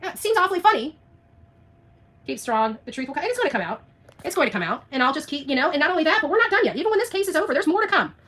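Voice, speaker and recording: Very animated and fast, a high-voiced, bright-toned woman hosts an unscripted livestream rant in reply to viewer comments. She argues combatively, returning to the same phrases and throwing out pointed rhetorical questions.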